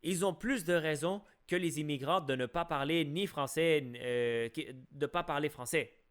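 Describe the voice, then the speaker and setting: A man's voice: on the high side, moderate pace, a bit bright, clear, resonant tone. A man from Quebec with a Québécois French accent, giving an opinionated monologue on a live stream, arguing with rhetorical questions and frequent restarts. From Quebec, Canada.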